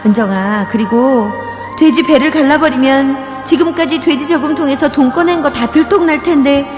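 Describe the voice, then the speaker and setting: A woman plays a good angel for a comic radio drama. The voice is high and earnest. It draws words out as it pleads and admonishes like a strict conscience. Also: moderate pace, echoey room, big-room sound, soft background music, lightly acted. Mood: alarmed scolding.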